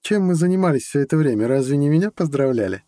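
A man's voice: fairly high pitch, animated, fast talker, mellow, no echo, voice pushed up, natural voice. A man voicing a teasing young woman. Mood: playful. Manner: light, teasing, giggly speech. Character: playful teasing young woman, the narrator's girlfriend.

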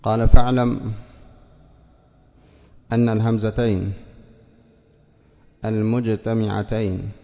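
A male teacher who reads a passage aloud, then explains it step by step, drawing out example words slowly and quizzing his students. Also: fairly low pitch, level tone, gravelly. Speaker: teacher of Arabic morphology. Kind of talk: classroom lesson reading and explaining a text. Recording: dull lo-fi lecture recording with long reverb.

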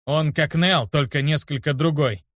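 A man's voice: fairly high pitch, normal speed, fairly bright tone, no room sound, studio quality, pitched above the performer's own voice. A man voicing an earnest, insistent teenage boy, an apprentice druid.

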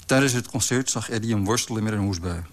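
A man reading a literary story aloud in a calm, measured way. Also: fairly low pitch. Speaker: narrator. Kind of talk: scripted literary narration.

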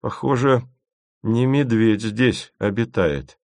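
A man voicing a blunt, quick-tempered young man, in a dry recording. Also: medium pitch, darkish tone, no room sound. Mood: matter-of-fact. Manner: blunt, brusque.

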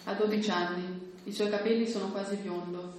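A woman reads a story aloud in a steady, measured voice of medium pitch. The room is strongly reverberant, and a faint noise sits under her voice. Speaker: reader at a book presentation. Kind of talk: literary reading aloud. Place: hall at a book presentation.

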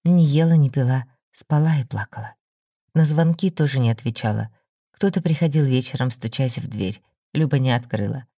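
Brief: woman audiobook narrator, steady and mellow, dry close recording. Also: rumbling low, moderate pace, no echo. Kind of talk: audiobook story reading.

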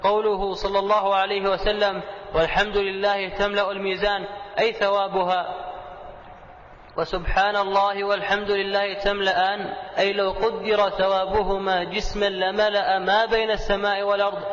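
High-pitched man reading a classical text. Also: fairly quick, slight background noise. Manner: formal recitation in a steady tone. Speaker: student reading the text aloud. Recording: echoey hall, dull lo-fi audio.

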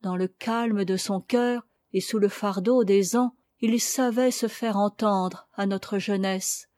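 A woman narrating a classic novel as an audiobook reader, in a measured, dramatic manner. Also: medium pitch, steady tone, darkish tone, no room sound, studio quality. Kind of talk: literary narration.

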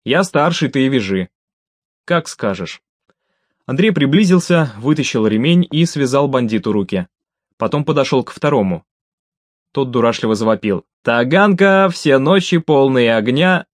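A man reading a crime story aloud as an audiobook, lifting his voice for the shouted dialogue. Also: lively intonation, moderate pace, long pauses, no room sound, clean studio sound. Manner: raises pitch and volume for shouted dialogue. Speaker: audiobook narrator.

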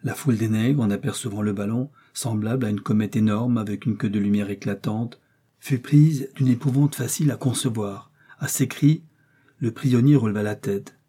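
A man narrating a classic adventure novel in a measured, dramatic storytelling voice. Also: on the low side, mellow, slightly rough. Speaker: audiobook narrator. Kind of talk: scripted narration.

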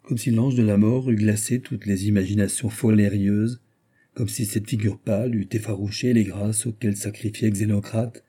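A man narrates a classic novel in a measured, literary way. His voice is very dark and a bit husky. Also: lowish voice, fairly even intonation. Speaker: audiobook reader.

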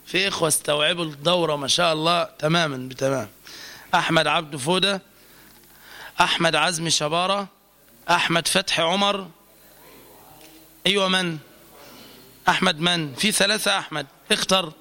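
A man teaching a lesson, correcting students' pronunciation and repeating syllables slowly. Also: on the high side, steady tone, bright, forceful tone. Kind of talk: live online recitation lesson.

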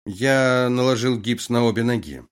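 A man's voice: mid-range voice, normal speed, smooth, close to an everyday voice. A man reading an audiobook, voicing a timid, confused male military doctor. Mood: hesitant. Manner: hesitant, confused.

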